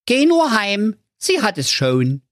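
A man's voice: high-pitched, huge pitch swings, slow, no room sound, clean studio sound, pitched above the performer's own voice, full character voice. A man voicing a cranky, slangy talking unexploded bomb in a spoofed storybook tale. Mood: cocky. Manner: grumbling, slangy, exasperated.

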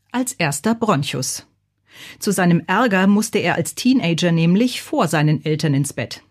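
A woman narrates a children's storybook in a calm, measured way. Her pace is unhurried and her voice sits fairly low. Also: breathy edge.

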